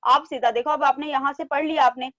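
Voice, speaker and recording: A woman teacher giving an online class to young children, drawing out syllables slowly and repeating each word twice for them to copy. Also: sits high, steady tone, bright, forceful tone, no room sound, highs cut off. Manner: coaxing, repeats words in pairs. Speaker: primary school teacher. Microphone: online class from home.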